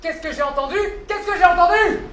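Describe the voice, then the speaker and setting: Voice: high voice, fast, sharp tone. An actor playing a grumpy, sarcastic male café owner with a moustache in an amateur stage play, barking at the customers. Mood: mocking. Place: indoor theatre stage. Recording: roomy stage sound with faint noise.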